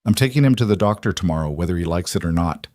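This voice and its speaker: A man voicing a tired, worried young mother who speaks softly. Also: low-pitched, expressive, fast talker, no echo, studio quality. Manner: soft, exhausted.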